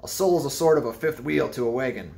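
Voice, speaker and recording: A man's voice: medium pitch, expressive, fairly quick, creaky, darkish tone, voice pushed up. A man voicing a ragged, wild-eyed old sailor who talks in cryptic, insistent old seafaring dialect. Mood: mocking.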